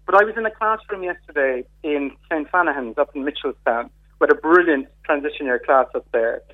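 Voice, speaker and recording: A man's voice: a little high, brisk. A man from County Kerry with a south-west Irish accent, explaining things in a discursive, conversational way as a radio interviewee. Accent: Irish, Kerry in the south-west of Ireland. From County Kerry, Ireland. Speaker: interviewee, community integration worker. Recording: narrow tinny phone line.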